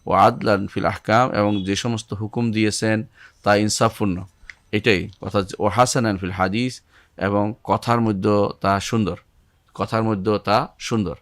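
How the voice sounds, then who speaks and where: A man's voice: fairly low pitch, fairly even intonation, dry recording. An older man teaching an Islamic studies lesson, reciting Arabic verses and explaining them with many repetitions and restarts. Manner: recites Arabic verses then explains in Bengali, repeating key phrases; halting, restarts words.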